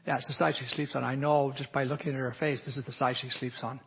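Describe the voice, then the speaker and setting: A man's voice: medium pitch, little pitch movement, fast, creaky, slightly rough. A man who works as an aesthetic physician, explaining a treatment plan while he marks up a patient in a live teaching demonstration, often hedging with "a little bit". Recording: dull lo-fi audio.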